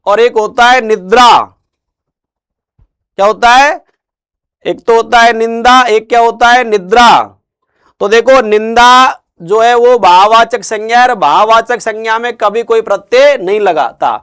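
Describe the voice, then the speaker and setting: A man teaching Hindi spelling, who drills each word by asking questions and answers them himself in slow, drawn-out tones. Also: extremely high pitch, a bit bright, clear, resonant tone. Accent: Rajasthani Hindi. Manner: drills words with repeated questions, stretches out answers slowly. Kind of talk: spelling lesson.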